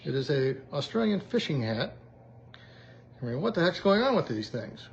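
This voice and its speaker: A man's voice: a little high, big pitch swings, moderate pace, gravelly. Upbeat rambling man on a lo-fi vlog. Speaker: vlogger. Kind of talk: casual video diary. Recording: dull lo-fi sound with faint background hiss.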